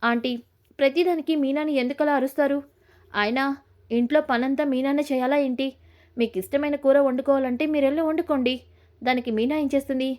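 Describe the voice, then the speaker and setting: A woman's voice: high voice, fairly even intonation, fairly quick, darkish tone, natural voice. A woman voicing an outspoken young daughter-in-law who reproaches her mother-in-law. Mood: reproachful.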